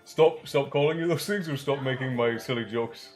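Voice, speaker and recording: Greeting viewers by name and cracking jokes in casual chat, this livestream host speaks at a normal speed in a mid-range voice. He still sounds a bit congested and coughs slightly from the chest. Background music plays softly.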